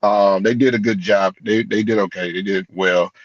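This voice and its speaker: A man's voice: lowish voice, steady tone, normal speed, no echo, dull audio. A man co-hosting a casual wrestling podcast, speaking in a laid-back, hesitant way with many restarts. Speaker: podcast co-host.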